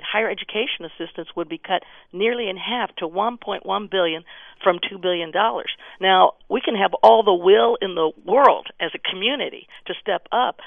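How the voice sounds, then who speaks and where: A woman's voice: mid-range voice, creaky, no room sound. A woman guest on a radio panel, arguing earnestly with many restarts. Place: phone line from elsewhere. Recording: tinny phone line, dry.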